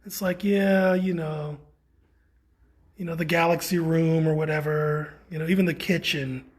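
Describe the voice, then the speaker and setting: A man guiding a live tour through an indoor art exhibit, talking in a relaxed, rambling way with many fillers. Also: a little high, unhurried. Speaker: tour guide. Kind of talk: casual guided gallery tour.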